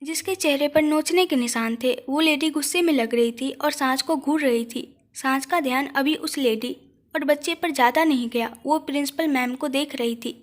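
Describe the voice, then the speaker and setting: Lady reading out an audio story, expressive and steady, highish voice. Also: normal speed. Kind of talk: scripted story narration.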